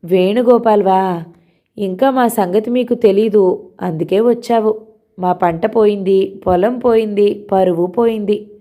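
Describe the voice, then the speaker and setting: A woman voicing a frail, bitter old village man who talks in a slow, rambling way. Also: mid-range voice, warm tone, lightly acted.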